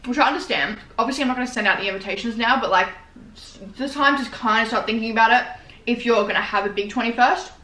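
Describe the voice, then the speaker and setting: A woman's voice: a little high, quick pace, bright, forceful tone. A nineteen-year-old woman with an Australian accent chatting casually and slangily in a mukbang eating vlog, recorded in a living room. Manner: informal, slangy, rambling. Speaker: vlogger. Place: small living room, indoors. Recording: roomy indoor echo.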